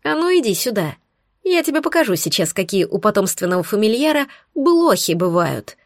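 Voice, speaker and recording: A woman's voice: on the high side, big pitch swings, moderate pace, dry recording, clean studio sound. A woman voicing a proud, snappy female cat familiar in an audiobook. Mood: hissing angry. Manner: snappish, indignant.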